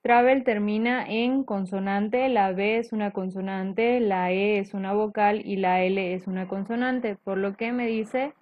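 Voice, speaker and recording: A woman's voice: mid-range voice, no echo. A woman teacher explaining grammar rules step by step, patiently checking in with her students. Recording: dull lo-fi dry recording.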